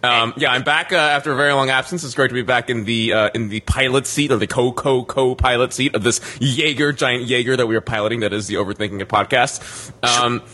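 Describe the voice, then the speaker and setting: A man's voice: medium pitch, steady tone, a little fast, pushed and bright. A man on a podcast panel in casual chat, rambling and laughing through his own jokes.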